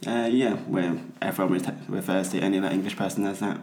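Amused low-voiced man, laughing guest. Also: fairly even intonation, fast talker, darkish tone, a little hiss or hum. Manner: amused, laughs mid-sentence. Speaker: podcast guest. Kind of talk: casual chat. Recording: roomy echo.

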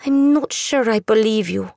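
A woman's voice: on the high side, moderate pace, creaky, dark tone, dry recording, studio quality, voice pushed up. A woman voicing a frightened, reluctant young Czech woman making excuses, in an audiobook. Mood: anxious, pleading. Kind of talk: audiobook character voice.

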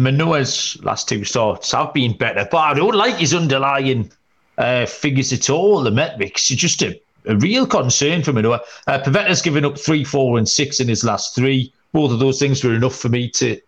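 A podcast host covering sports betting speaks in a middle-pitched voice, briskly going over pitching stats and betting lines in relaxed conversation. He relies on "um" and "uh" as he reads the numbers.

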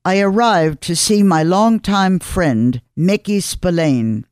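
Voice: mid-range voice, lively intonation, slow pace, a little mellow, no room sound, clean studio sound. A radio host asking blunt, chatty questions. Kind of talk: radio interview.

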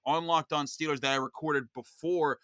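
A man in casual sports chat, excitably retelling a game as a podcast guest. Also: on the high side, normal speed, no echo, clean studio sound. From Pittsburgh area. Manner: animated, excitable storytelling.

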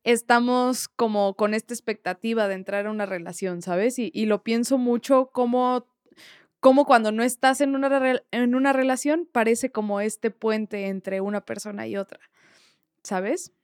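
High-voiced Mexican woman chatting. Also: moderate pace, clean tone, dry recording, clean studio sound. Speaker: podcast co-host. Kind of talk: casual chat.

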